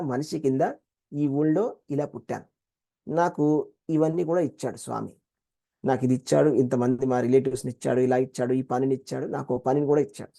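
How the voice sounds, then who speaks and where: A man with a Telugu accent leads a devotional class, animated and expressive, often slipping into quoted voices. His voice sits a little high for a man, with a mellow, warm tone. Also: gravelly. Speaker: Gita teacher.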